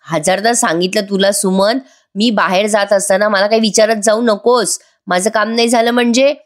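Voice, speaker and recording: A woman's voice: medium pitch, steady tone, moderate pace, natural voice. A guilty, scheming husband who panics and snaps irritably at his wife, voiced by a woman. His lines jump between fear and impatience. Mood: irritable.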